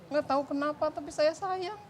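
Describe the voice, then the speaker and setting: A woman with a high-pitched voice talks hesitantly, repeating phrases and trailing off. A faint background hiss sits under her voice. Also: fairly even intonation, a little fast. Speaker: guest seeking help. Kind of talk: confessional chat.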